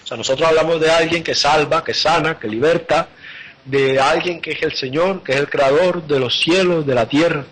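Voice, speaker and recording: A man's voice: fairly high pitch, moderate pace, fairly bright tone, low-quality recording. A man preaching a live sermon, earnestly retelling scripture and often repeating and restarting his phrases.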